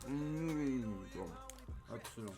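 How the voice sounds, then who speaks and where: A young man gives a casual, comedic film review at home, speaking extremely slowly in a medium-pitched voice with lively intonation over music. He's full of street slang, swearing and rambling hesitations, recording with streaming software into a desk microphone.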